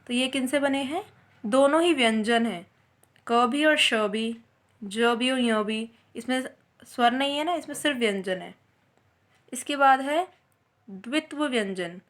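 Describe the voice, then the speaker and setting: A woman's voice: fairly high pitch, unhurried, long pauses, a bit bright. A woman teaching a Hindi grammar lesson, explaining step by step and answering her own questions as she goes.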